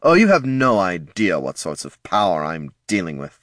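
A man's voice: low-pitched, sing-song, moderate pace, a bit bright, dry recording, clean studio sound. An audiobook narrator voicing a scheming male lich overlord, silky and condescending, whose voice climbs into grand declarations.

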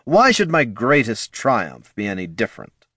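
A man voicing an exasperated, scornful undead sorcerer father in an audiobook, speaking slowly and with contempt. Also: mid-range voice, wildly swooping pitch, bright, forceful tone, slightly rough, no echo, clean studio sound, full character voice. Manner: slow, weary, contemptuous. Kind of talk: audiobook character voice.

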